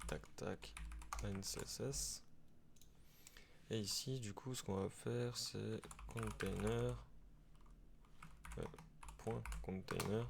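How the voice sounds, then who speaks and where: A man teaching web development over a screen recording, talking in a halting way with many fillers and restarts. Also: fairly low pitch, gravelly, noisy background. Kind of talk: screen-recorded coding tutorial.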